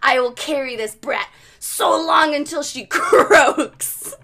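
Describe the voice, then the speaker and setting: A woman voicing a possessed young woman with demon voices, shrill and strained, wailing and shouting. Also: slow, heavily acted. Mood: snarling. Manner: wailing, shouting, half-laughing.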